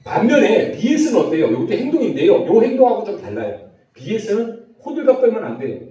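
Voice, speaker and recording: A middle-aged man giving a humorous lecture, acting out dialogue in lively voices. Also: sits high, fast. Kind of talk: humorous lecture on personality types. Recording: very echoey hall, voice from a distance.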